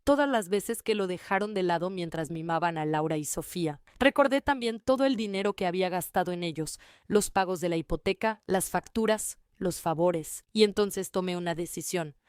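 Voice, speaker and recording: A woman reading a first-person family story in an even, measured way. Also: fairly low pitch, clean tone, no room sound, studio quality. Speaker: narrator.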